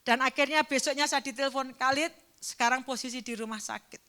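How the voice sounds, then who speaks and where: A woman pastor preaching a sermon at a church service, telling a personal story with emotion and swinging between fervent and hushed speech. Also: high voice, brisk.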